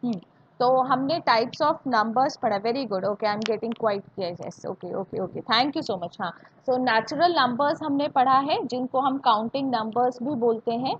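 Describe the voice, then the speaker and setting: A fairly high-voiced woman with an Indian accent runs a live online maths lesson, going over each step twice and stopping to quiz her students. Her voice comes through a dull, lo-fi computer mic with a faint hiss underneath. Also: slow pace. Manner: repeats points and asks students check questions, mixing Hindi and English. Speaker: maths teacher. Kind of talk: live online class teaching.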